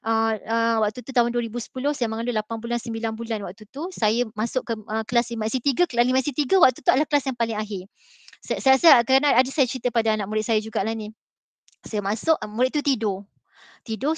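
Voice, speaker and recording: A woman's voice: on the high side, quick pace, dry recording. A middle-aged Malaysian woman, a maths teacher, telling an earnest personal story in a Malay accent with many fillers. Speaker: mathematics teacher on a school panel. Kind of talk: motivational talk with personal story.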